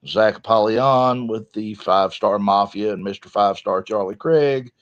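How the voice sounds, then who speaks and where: A man with a Southern US accent hosts a wrestling podcast, recapping matches in a folksy, colloquial storytelling way. His voice is fairly low and a little slow, and the audio is dull and lo-fi.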